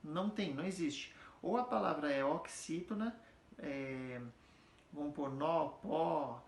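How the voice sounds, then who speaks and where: A man's voice: a little high, expressive. A man teaching music theory in an easygoing, conversational way. He stops often to ask whether his listeners are following along. The room around him gives his voice a noticeable echo. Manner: explains patiently, checks understanding with frequent tag questions; sings or chants example words slowly to demonstrate stress. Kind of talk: casual explanatory lesson. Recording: echoey room.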